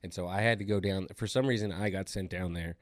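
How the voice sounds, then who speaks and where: A man hosting a podcast in casual chat, relaxed and jokey, swearing now and then. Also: sits low, fast, dry recording, clean studio sound. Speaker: podcast host.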